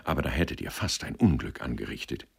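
Man doing a hushed, anxious carter. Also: very deep voice, big pitch swings, quick pace, creaky, breathy edge, pitched below the performer's own voice, heavily acted. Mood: urgent. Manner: hushed, urgent. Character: anxious male innkeeper and carter.

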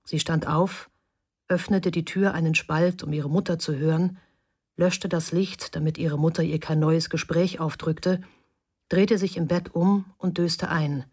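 A woman reading a novel aloud as narrator, in a calm, inward storytelling manner. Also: low voice, unhurried, breathy edge. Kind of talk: audiobook narration.

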